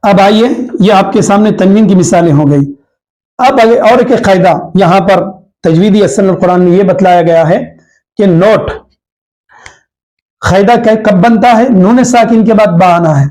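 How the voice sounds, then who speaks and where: A man with a Hyderabadi Urdu accent teaching a tajweed lesson, explaining each rule slowly and repeating the examples. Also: high voice, a little mellow, low-quality recording. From India. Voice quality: clears throat now and then. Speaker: Quran recitation teacher.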